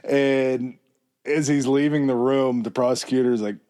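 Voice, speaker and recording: A man hosting a podcast, telling a story in a relaxed, chatty way with fillers and asides. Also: mid-range voice, measured pace. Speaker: podcast host. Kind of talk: casual chat.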